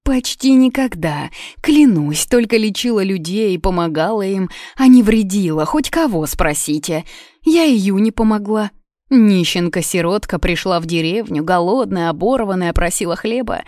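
A woman's voice: medium pitch, lively intonation, moderate pace, darkish tone, no room sound, studio quality, voice pushed up, close to an everyday voice. A woman voicing an older village healer-witch who begs and sobs before a king, in a storybook reading. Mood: tearful. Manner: tearful, begging.

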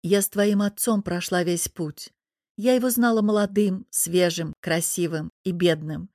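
A woman's voice: on the low side, a little slow, darkish tone, dry recording. A middle-aged woman narrating an audiobook in the first person, blunt and sardonic. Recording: dry close studio sound.

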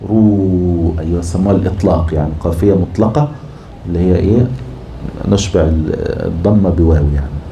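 A man with an Egyptian accent teaching Arabic prosody, scanning verse with slow, drawn-out chanting. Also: low voice, warm tone, slight background noise. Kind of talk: classroom lecture scanning verse.

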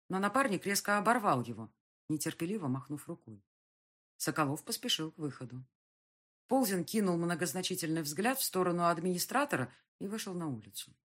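A woman narrating a novel in a steady storytelling voice. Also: fairly low pitch, slightly rough. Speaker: audiobook narrator. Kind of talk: scripted narration.

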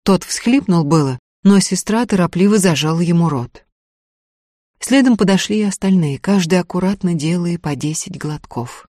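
A woman reading a novel aloud in an even, measured storytelling voice. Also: lowish voice, dry recording, clean studio sound. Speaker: audiobook narrator. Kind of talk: scripted narration of a novel.

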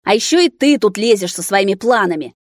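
A woman reading an audiobook, voicing a sarcastic, bitter young man in a wheelchair who shouts at his parents. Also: mid-range voice, lively intonation, brisk, no room sound, clean studio sound, lightly acted. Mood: bitter, shouting.

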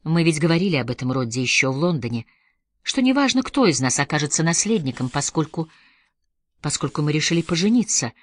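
A proud young woman, hurt but holding herself together, speaking in a measured and insistent way, as a woman reads her in an audiobook. The voice sits a little low, and the recording is dry and close. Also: animated, dry recording. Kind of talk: audiobook reading.

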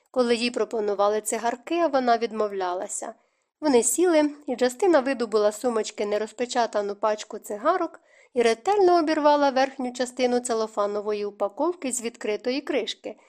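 A woman reads a novel aloud in a measured, even storytelling manner. Her voice sits fairly high, and she sounds like a typical audiobook narrator. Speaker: audiobook reader.

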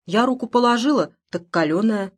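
A woman's voice: fairly high pitch, normal speed, husky. Woman telling a folksy village tale. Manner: lively, conversational, folksy. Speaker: audiobook reader. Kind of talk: first-person storytelling in rural folk speech.

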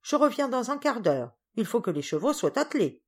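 A woman voicing an impatient, fussy lady who talks high and loud in exclamations. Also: big pitch swings, fairly quick, slightly rough.

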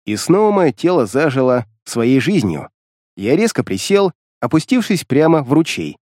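A man reading a first-person fantasy story aloud in a wry, expressive storytelling manner. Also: mid-range voice, moderate pace, studio quality. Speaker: audiobook narrator. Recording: long reverb.

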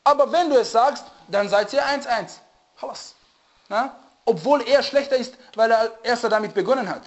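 A man giving a religious lecture who often stops to search for the right word and checks whether listeners follow. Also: extremely high pitch. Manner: often pauses to search for German words; asks listeners to confirm they follow. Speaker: religious teacher. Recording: dull lo-fi recording.

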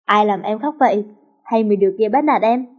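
A woman voicing a lovesick teenage schoolboy who coaxes gently, in her own narrating voice. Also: medium pitch, brisk, highs cut off, natural voice. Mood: tender.

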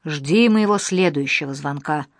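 A woman's voice: deep voice, unhurried, dry recording, clean studio sound, voice pushed down. A woman reading the part of a cold, unpleasant male blackmailer who hisses rude threats down the phone in an audiobook. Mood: threatening.

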